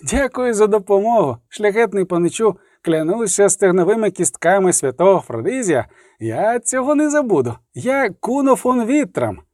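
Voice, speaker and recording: A man's voice: sits high, big pitch swings, normal speed, a little mellow, no echo, clean studio sound, pitched above the performer's own voice. Man voicing a brash young robber knight. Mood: grateful. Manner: brash, swears by saints. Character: young snub-nosed male robber knight, cheeky. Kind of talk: audiobook character voice.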